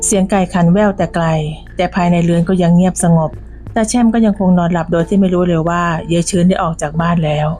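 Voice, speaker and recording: A woman narrating a scripted village story in a measured, descriptive way. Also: on the low side, fairly even intonation, mellow, faint music behind.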